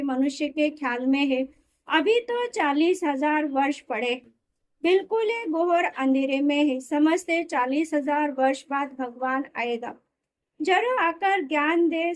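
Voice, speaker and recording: High-voiced woman reading a spiritual discourse. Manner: steady, explanatory reading with small self-corrections. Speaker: reader of a daily spiritual discourse.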